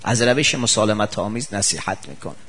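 A male preacher giving a sermon full of anecdotes, acting out the people he quotes with sudden jumps in his voice. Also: lively intonation. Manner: acts out quoted people with sharp pitch jumps.

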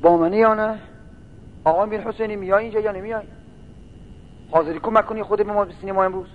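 A man's voice: sits high, fairly even intonation. A man preaching a sermon, telling a long religious story and building into mournful chanting. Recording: tinny phone-like sound with faint noise.

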